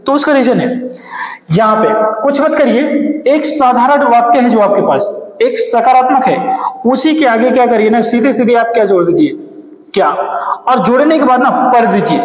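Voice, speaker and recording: A man teaches grammar in a very high, light voice. He keeps asking questions and answering them himself. The sound has a long, hall-like reverb. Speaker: English teacher. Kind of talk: classroom grammar lesson. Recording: roomy echo with long reverb.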